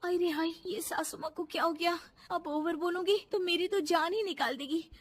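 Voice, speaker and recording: A woman voicing a meek young daughter-in-law in a cartoon story, speaking high and pleading. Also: steady tone, normal speed.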